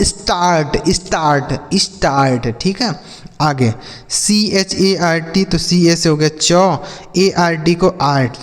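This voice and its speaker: Man teaching English reading, reverberant room. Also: fairly high pitch. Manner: spells words letter by letter, then asks and repeats the answer; calls viewers children and brother. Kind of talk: spoken English reading lesson. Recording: long hall reverb.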